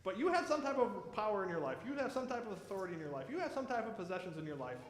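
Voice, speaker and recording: A man's voice: high voice, very animated, racing, a little hiss or hum. A man preaching a sermon as pastor, earnestly posing rhetorical questions to his congregation. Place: church sanctuary. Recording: echoey church hall, faint ambience.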